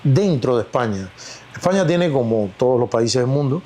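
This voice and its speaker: A man's voice: mid-range voice, expressive, moderate pace, dark tone. A man with a Cuban accent, an actor being interviewed, speaking in a reflective, storytelling way with plenty of fillers. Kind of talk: casual interview talk.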